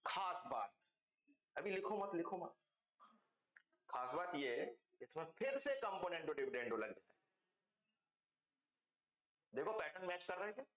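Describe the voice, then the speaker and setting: A man's voice: high-pitched, sing-song, measured pace, pauses often, fairly bright tone, echoey room. A man teaching a math class online, explaining step by step and checking in with his students again and again, calling them kids. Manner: calls students "beta" and "bachcho".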